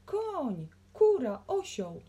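A woman voicing a gloomy businessman who bursts out shouting animal names and scores in a high, strained voice. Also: wildly swooping pitch, very slow, exaggerated voice. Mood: frantic shouting.

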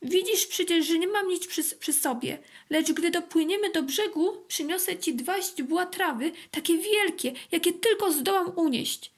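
A woman voicing a tiny, frightened female ant that pleads in a high, wistful voice. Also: measured pace, hardly any pauses. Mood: pleading.

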